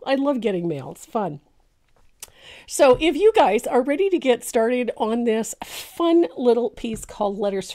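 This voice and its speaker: Hosting a casual live painting tutorial, this sixty-something teacher has a fairly high, a little congested and gravelly voice. She's chatty, warm, and full of laughs and ums, talking from her indoor home craft studio into a boom-arm studio mic.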